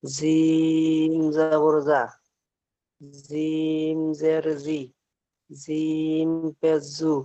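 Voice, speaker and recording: A man's voice: a little high, no room sound. A man reciting Arabic letter sounds syllable by syllable as a student in a class. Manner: slow, flat, syllable by syllable. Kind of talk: reciting a reading drill.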